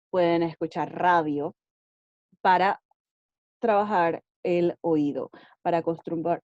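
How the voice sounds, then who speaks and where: On the low side and mellow, her voice comes through with no room sound and the top end cut off. She's a friendly English teacher giving relaxed language-learning tips, peppering them with "ok?" and bits of English.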